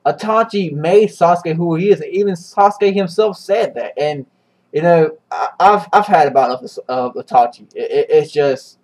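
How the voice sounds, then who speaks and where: A man recapping a comic chapter in a loose, rambling way, with heavy swearing and frequent restarts. His voice sits a bit higher than most men's. He sounds like he is chatting with a friend rather than performing. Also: moderate pace, darkish tone, poor audio. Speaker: manga reviewer. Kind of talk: casual profane recap.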